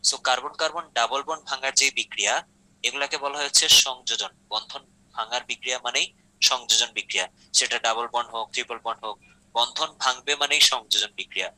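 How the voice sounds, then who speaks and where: A man with a strikingly bright, forceful voice works through exam questions as a chemistry tutor. He goes one step at a time, drops English terms into his speech and keeps asking if the students follow. The sound is close and dry, with no room echo. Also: mid-range voice, fast talker. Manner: explains step by step, checks in with students often. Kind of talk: exam-prep lecture.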